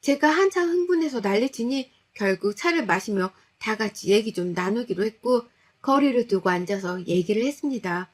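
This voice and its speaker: A woman's voice: fairly high pitch, animated, moderate pace. Woman tensely narrating a creepy story. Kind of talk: first-person story narration.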